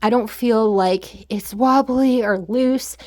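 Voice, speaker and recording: A slightly high-pitched woman talks casually and candidly, a bit winded as she sits on an exercise bike at home. She speaks in a self-deprecating, matter-of-fact way. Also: takes it slowly, a little mellow. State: slightly out of breath from pedaling. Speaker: product reviewer. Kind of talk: casual product review vlog.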